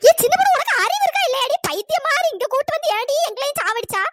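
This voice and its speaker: A voice actor voicing a timid, gossiping village woman in a cartoon story, fretful and wailing, with a pitch-raised voice. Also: lively intonation, fast talker, very noisy. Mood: alarmed.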